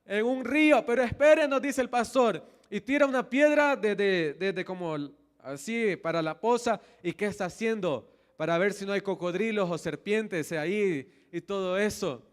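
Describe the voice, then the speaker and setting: A man with a Salvadoran accent preaching a sermon in a church, telling his own story with passion and dropping to hushed lines between loud peaks. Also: high voice, normal speed. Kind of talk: sermon with personal testimony. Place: church sanctuary.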